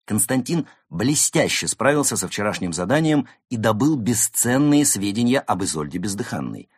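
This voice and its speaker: A man voicing a calm, confident male fox who leads his friends. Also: on the low side, moderate pace, slightly rough, dry recording, clean studio sound, pitched above the performer's own voice, heavily acted. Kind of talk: audiobook character voice.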